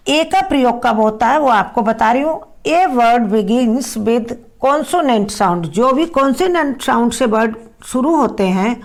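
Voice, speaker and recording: A woman teacher with a slightly high voice walks through a grammar lesson at an unhurried pace. She reads each English example slowly and deliberately, then explains quickly in Hindi.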